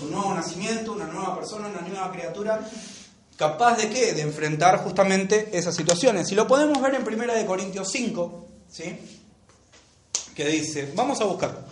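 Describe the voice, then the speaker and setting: A man's voice: high-pitched, reverberant, distant mic, a little hiss or hum. A man with a Rioplatense accent teaching a Bible lesson in a classroom, talking conversationally and often checking in with "¿sí?" and "¿no?". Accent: Rioplatense Spanish. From Argentina.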